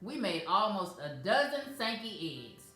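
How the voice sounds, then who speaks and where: A woman reads a children's picture book aloud, gentle and measured. Her mid-pitched voice rings out in a very echoey room. Faint music plays behind her. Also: big pitch swings. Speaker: children's storyteller.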